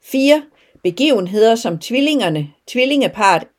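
A woman narrating an audiobook in a calm, measured first-person reading. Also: fairly high pitch. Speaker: audiobook reader.

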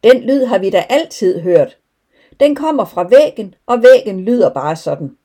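A woman's voice: fairly high pitch, expressive, dark tone. A woman voicing a stubborn, skeptical unborn twin boy who brushes off his brother with scoffing retorts. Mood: dismissive.

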